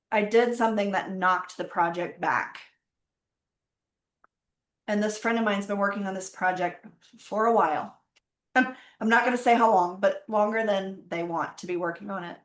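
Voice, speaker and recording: A middle-aged woman telling her story openly and reflectively in a casual conversation. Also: medium pitch. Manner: open, reflective, faith-centered storytelling. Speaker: podcast guest. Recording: roomy echo.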